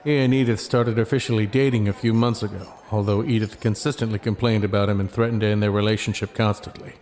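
Deadpan male detective narrator, acted. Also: on the low side, fast talker, close to an everyday voice. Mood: wry, matter-of-fact. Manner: deadpan, matter-of-fact. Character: deadpan, dim-witted male private detective narrating his misadventures. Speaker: narrator and lead character. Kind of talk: scripted comedic noir narration.

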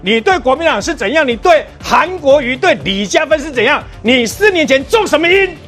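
A man with a Taiwanese accent commenting on politics on a talk show, animated and scolding, firing rhetorical questions. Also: extremely high pitch, a little fast, soft background music.

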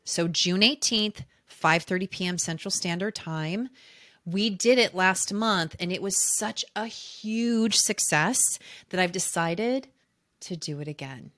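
In a podcast intro and promo, a love coaching host speaks intimately and gushingly to her listeners, stressing key words. Her voice is fairly low, pushed, and bright, and she takes it slowly.

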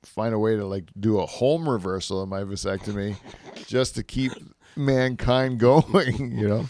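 A man's voice: lowish voice, a little slow, a little mellow, dry recording. A man hosting a podcast in casual chat, rambling and laughing as he tells stories. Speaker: podcast host.

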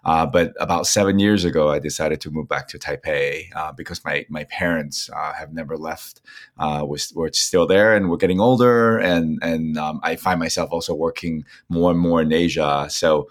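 A man from Taiwan with a very deep, low voice, speaking as a documentary filmmaker on a podcast. He talks thoughtfully and hesitantly, filling his pauses with ums. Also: fairly even intonation. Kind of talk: conversational interview.

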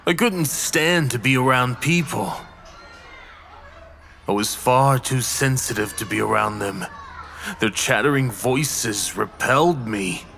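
A man playing a haunted, reclusive artist who slowly confesses his childhood paranoia in a hushed, brooding horror-story reading. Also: mid-range voice, expressive, creaky, heavily acted. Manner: slow, hushed, brooding narration.

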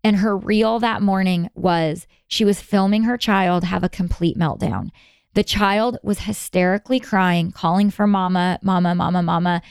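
An earnest woman guest telling a story in an interview, her voice smooth and resonant. The sound is close and dry, with no room around it. She speeds up in bursts as she talks. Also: on the low side, steady tone, normal speed, dry recording. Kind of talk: conversational interview.

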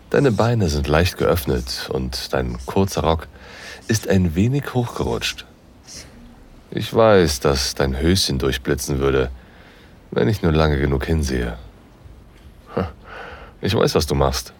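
Playing the lead and narrating, a man with a bass voice gives a heavily acted first-person performance as a commanding, seductive university professor in an intimate audio drama. He sighs between his phrases.

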